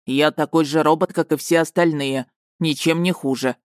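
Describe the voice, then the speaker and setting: A woman's voice: sits low, fairly even intonation, normal speed, no echo, clean studio sound, natural voice. A woman voicing a polite, proud male robot starship in an audiobook. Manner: matter-of-fact, courteous. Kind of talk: audiobook character reading.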